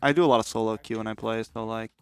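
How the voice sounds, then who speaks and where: A man's voice: on the low side, steady tone, quick pace, smooth, no room sound. A man hosting a gaming watch party stream, chatting casually, joking and swearing freely with plenty of restarts. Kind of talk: casual chat.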